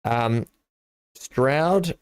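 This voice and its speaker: A man's voice: medium pitch, very slow, clean tone, no room sound. A middle-aged man, chatting and thinking aloud while he streams a building game live. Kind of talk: live gameplay commentary.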